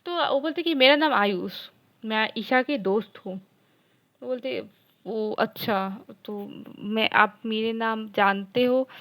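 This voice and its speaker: High-voiced woman casually retelling a story. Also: slow, a bit bright. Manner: retells a romance loosely, acting out each character's lines in her own voice; conversational, with many fillers and restarts.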